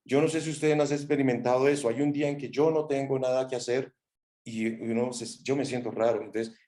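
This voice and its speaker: A man at a middle pitch giving a motivational class talk. He speaks expressively and drops in sound words and acted-out quotes. His voice rings in an echoey room. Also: fairly even intonation, fairly quick, dark tone.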